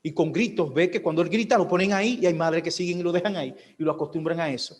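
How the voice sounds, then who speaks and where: A man's voice: on the high side, fast, a little hiss or hum. A male pastor preaching a sermon, asking questions of the congregation and acting out the voices of a baby and its mother. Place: church hall. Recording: long hall reverb.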